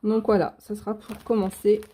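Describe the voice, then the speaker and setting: A woman's voice: medium pitch, flat delivery, moderate pace, warm tone, husky. A young woman hosting a casual unboxing video, chatty and gushing with frequent fillers. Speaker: coloring channel host.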